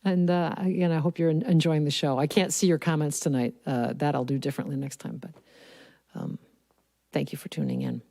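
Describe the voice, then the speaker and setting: A woman's voice: low-pitched, fairly even intonation, a little fast, dark tone. A woman hosting a livestream from a studio, chatting enthusiastically about songwriting craft and humming bits of melody to show her point. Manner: enthusiastic, breaks into humming and sung lines to demonstrate. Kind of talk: casual livestream talk about songwriting between songs. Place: recording studio. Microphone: studio mic at a piano. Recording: clear piano playing behind the voice. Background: piano.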